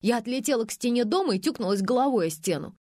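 A woman putting on a frightened young sister who whines and whimpers through every complaint. Her voice sits up high and swoops about a lot. The sound is dry and close. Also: expressive, quick pace, a little mellow, dry recording. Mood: whining.

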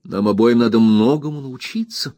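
A man reading the lines of a gentle, patient young husband in a storybook, speaking softly and earnestly. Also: mid-range voice, normal speed, no room sound, studio quality, lightly acted. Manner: soft, earnest, pleading.

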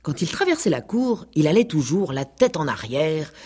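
Husky, low-voiced woman reading a story. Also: normal speed. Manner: expressive, playful. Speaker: actress reading aloud. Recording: 1980s radio recording.

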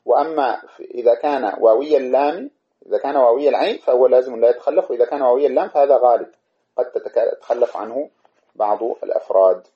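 A man giving a classical grammar lesson in a mid-pitched voice. He works through each point step by step, repeating and correcting himself as he goes. The recording is dull and lo-fi. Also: quick pace. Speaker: teacher. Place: study room with camera.

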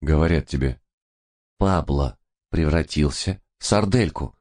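A man voicing an older doctor with steady patience. He speaks in a low, measured way and keeps his tone even. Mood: insistent.

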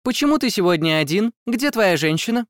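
A male audiobook narrator voicing a tiny, fussy and nosy female fairy who rides an owl, chattering impatiently in a high squeaky put-on voice. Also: big pitch swings, fairly quick, a bit bright, no echo, studio quality. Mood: curious. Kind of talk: audiobook character voice.

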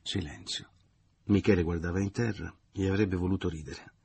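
A man narrating a literary novel as an audiobook, in a measured, even reading. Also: deep voice, gravelly, slight background noise.

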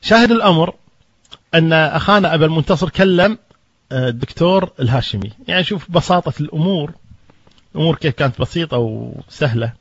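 Husky preacher telling a story. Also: male voice, fairly high pitch, lively intonation, fast, no room sound. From Kuwait. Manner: recounts events plainly, acts out quoted dialogue with rising emphasis. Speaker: Islamic preacher. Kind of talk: storytelling anecdote in a talk. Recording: dull lo-fi recording.

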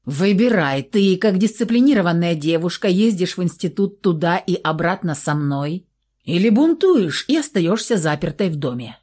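A cold, curt vampire master, as a woman reading a storybook puts him on gives orders in a low, mellow voice. He keeps his tone icy and commanding. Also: expressive, moderate pace. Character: cold, domineering elder vampire brother, a man.

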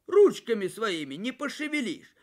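A man's voice: high-pitched, sing-song, moderate pace, pitched above the performer's own voice. A man voicing a stern soldier who lectures and scolds a lazy lad, in a folk tale. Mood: scolding. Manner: lecturing, reproachful.

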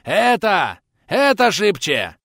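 A man voicing a brash, hearty boatman who shouts over the wind in old-fashioned folk speech. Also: mid-range voice, big pitch swings, normal speed, dry recording, clean studio sound. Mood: shouting. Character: brash bold middle-aged boatman, hearty and loud. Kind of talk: audiobook character voice.

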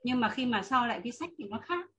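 A woman's voice: fairly high pitch, expressive, fast, fairly bright tone. A woman student on a video call asking careful questions in an online class.

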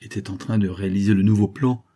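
Man, audiobook narrator, scripted narration, low mellow voice, husky. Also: steady tone, quick pace.

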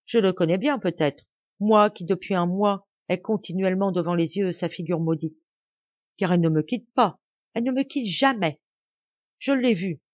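A woman's voice: lowish voice, normal speed, dry recording, natural voice. A woman reading the lines of a mad old marquis who raves wildly, in a slightly dull, dry recording. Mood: raving. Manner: wild, raving outbursts. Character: old man, marquis gone mad, raving.

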